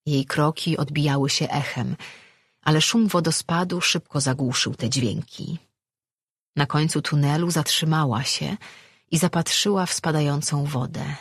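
Husky audiobook narrator. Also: medium pitch, no room sound, studio quality. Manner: steady, measured storytelling. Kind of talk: audiobook reading.

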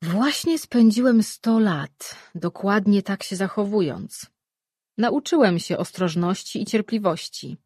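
A reader voicing Mirar, an ancient immortal man, earnest and measured, in a fantasy audiobook. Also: mid-range voice, animated, a little mellow, slightly rough, no room sound, clean studio sound.

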